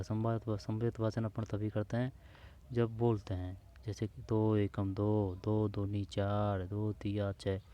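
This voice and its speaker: Low, mellow-voiced man teaching exam prep. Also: muffled recording. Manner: informal, addresses listener as यार and भाई, repeats options while checking answers. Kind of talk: solving old exam questions aloud.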